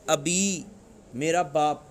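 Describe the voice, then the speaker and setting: A man's voice: fairly high pitch, steady tone. A man with a Pakistani Urdu accent teaching a classroom grammar lesson, drilling students with repeated questions. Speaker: religious teacher.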